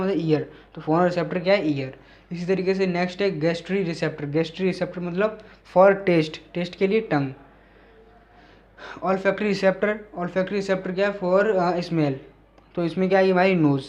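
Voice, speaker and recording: A man with a fairly high voice lectures on biology in a lesson video. He reads textbook definitions in English at a slow, careful pace and then explains them in Hindi, often pausing on fillers as he searches for words. The sound is dull and lo-fi. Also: steady tone, a little mellow. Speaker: teacher.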